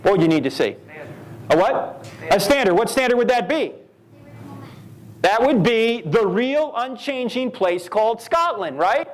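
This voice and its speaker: A man delivering a live university lecture, his voice pitched high for a man and swinging widely up and down. He drives each point with rhetorical questions and quick stories, always pressing the audience to follow his logic. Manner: animated, rhetorical questions and storytelling. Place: university event hall.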